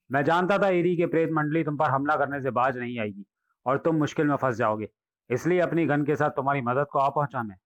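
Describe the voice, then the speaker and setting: A man's voice: medium pitch, dry recording, highs cut off, lightly acted. A man voicing a scheming male mad scientist villain who talks in a gloating way.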